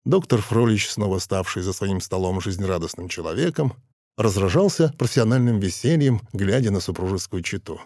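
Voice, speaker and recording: A man narrating a dramatic audiobook in a measured, expressive way. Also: on the low side, no echo, clean studio sound. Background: soft music.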